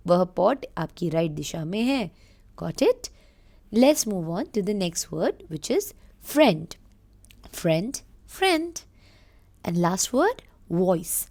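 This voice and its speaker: Indian-accented woman teacher, Hindi speaker, very slow and deliberate, repeats words and answers her own questions for young readers. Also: mid-range voice. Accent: Indian English. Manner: slow, drawn-out word repetition, switching between English and Hindi explanations; asks children questions and answers them herself. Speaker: English reading teacher. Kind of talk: read-along phonics lesson for children.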